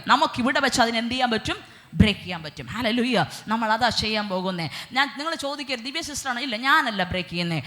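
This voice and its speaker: A woman's voice: fairly high pitch, bright, forceful tone. A woman with a Malayali accent preaching a sermon, dropping hallelujahs and English fillers, asking the congregation questions and answering them.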